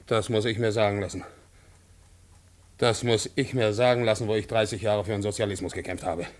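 An actor playing a middle-aged communist father in a radio play, indignant and shouting, repeating himself. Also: on the low side, steady tone, brisk, close to an everyday voice. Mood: stern. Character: blustering, self-righteous communist father, middle-aged man. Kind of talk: 1950s radio play acting.

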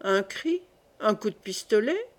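A woman reading the lines of a cold, imperious aging queen mother, calm and dismissive. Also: medium pitch, a little slow. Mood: commanding.

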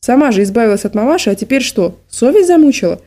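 A woman's voice: a little high, very animated, fast talker, warm tone. A woman doing a rude, mocking nursing-home attendant. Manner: snapping, mocking.

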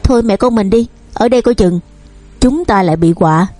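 A woman's voice: mid-range voice, fairly quick, no echo, faint music behind, natural voice. A woman reading as a hot-headed young son. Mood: defiant. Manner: defiant, shouting.

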